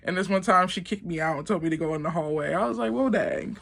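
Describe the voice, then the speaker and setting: A woman's voice: fairly low pitch, quick pace, gravelly, fairly bright tone. A young woman telling a casual story to the camera, rambling and filling with "like". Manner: rambling, heavy use of "like". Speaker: vlogger.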